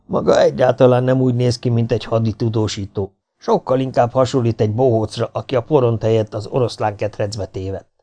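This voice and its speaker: A man's voice: medium pitch, steady tone, mellow, lightly acted. A man voicing a wary, armed Englishman who speaks with sardonic doubt. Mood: sceptical.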